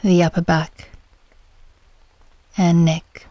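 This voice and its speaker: Leading a guided meditation, a woman speaks gently and soothingly without hurrying, her soft, fairly low voice going breathy as phrases end. Her pitch barely moves, and the recording is dry.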